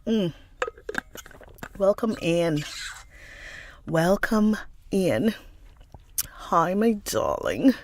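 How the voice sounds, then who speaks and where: A livestream book reader with a mid-range voice, stuffy and nasal from a cold, chats warmly with her viewers, calling them darling, before reading a novel aloud. There's no echo.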